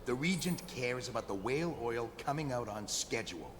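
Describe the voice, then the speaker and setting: A man's voice: mid-range voice, expressive, normal speed, background noise, lightly acted. A man as a blunt coarse overseer.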